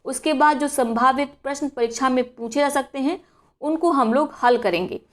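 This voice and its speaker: A woman teaching an exam-prep language lesson, going through spelling and pronunciation step by step and checking in with rhetorical questions. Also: high voice. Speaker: Hindi teacher.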